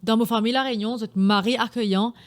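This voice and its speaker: A woman's voice: a little high, steady tone, fast. A young woman with a Mauritian Creole accent hosting a casual solo podcast, chatty and often slipping in English phrases. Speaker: podcast host.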